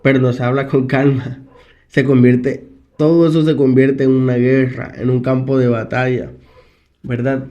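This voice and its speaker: A psychologist gives a casual motivational talk on family life, speaking conversationally, asking his listeners questions, and chuckling often. His mid-range voice is warm and level at a moderate pace, though the recording is muffled.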